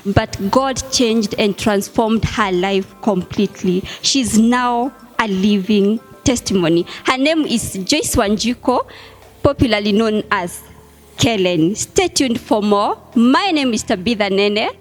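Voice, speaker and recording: A Kenyan woman hosting an interview show, speaking slowly and gently with frequent encouraging affirmations. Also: mid-range voice, lively intonation, faint music behind. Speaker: host.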